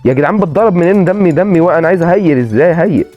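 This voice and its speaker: A man with an Egyptian accent commentating his own gameplay and repeating excited exclamations. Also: a little high, racing, highs cut off, faint music behind. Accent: Egyptian Arabic. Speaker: gaming channel host.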